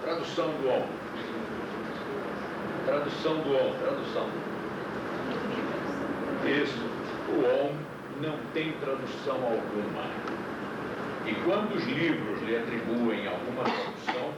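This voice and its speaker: A man's voice: medium pitch, unhurried, pauses often. Man lecturing on hissy old VHS tape. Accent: Brazilian Portuguese. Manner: chatty, asks the class questions. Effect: old VHS tape recording. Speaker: yoga teacher. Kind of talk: classroom lecture. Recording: echoey distant hiss of old VHS tape.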